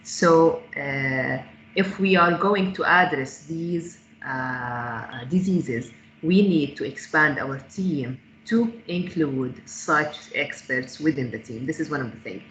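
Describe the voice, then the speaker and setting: A woman's voice: sits low, slow pace, a bit bright. A woman founder answering audience questions on an online panel, hesitant and full of fillers and restarts. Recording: echoey, dull call audio with faint noise.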